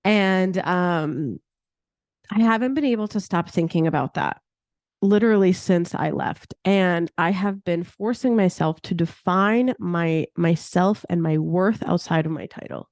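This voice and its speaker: With a fairly low, darkish voice and a slightly slow pace, a woman in her thirties hosts her own podcast casually, using "like" a lot and laughing at herself. The audio is studio quality with no echo.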